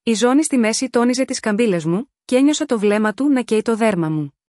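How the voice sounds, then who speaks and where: A woman reading a scripted first-person romance story in a measured, sensual storytelling manner. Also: fairly high pitch, animated, a little mellow, no room sound, studio quality.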